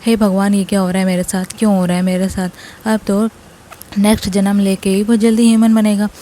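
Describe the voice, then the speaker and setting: A vain, cocky young man trapped in a dog's body grumbles insults in this storybook recap, as a woman reads his lines. The voice is mellow and soft-edged, with plain everyday pitch and little put-on character. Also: steady tone, a little fast, slight background noise, close to an everyday voice. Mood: wailing. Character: arrogant young male idol turned dog.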